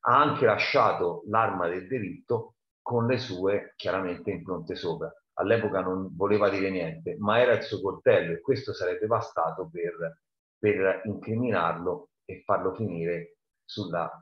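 A man reads from a novel and explains the chapter in a conversational way. His voice is fairly low. The recording is roomy and a bit dull. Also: measured pace. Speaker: teacher reading and explaining a novel. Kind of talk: reading aloud and explaining.

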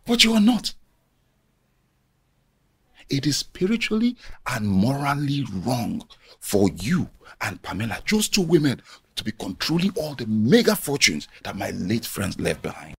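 An actor playing a scheming, smooth-talking man with a Nigerian English accent, chuckling and coaxing with an oily charm. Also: mid-range voice, sing-song, a little slow, full character voice. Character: scheming smooth-talking middle-aged man, wealth-hungry. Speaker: family friend, widower-seeking suitor. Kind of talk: film drama dialogue.

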